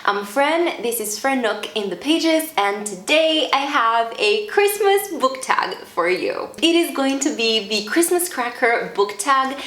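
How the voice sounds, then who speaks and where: A woman's voice: high-pitched, lively intonation, unhurried, few pauses, a bit bright, reverberant. A young woman chatting enthusiastically about books on her vlog, gushing and laughing often. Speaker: booktube vlogger. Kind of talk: casual vlog chat.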